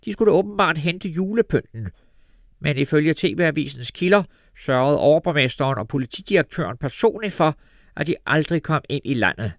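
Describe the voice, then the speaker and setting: Man playing a glib TV reporter, lively pitch, slightly high, dry close sound, audiobook. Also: dry recording. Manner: smooth newsreader delivery.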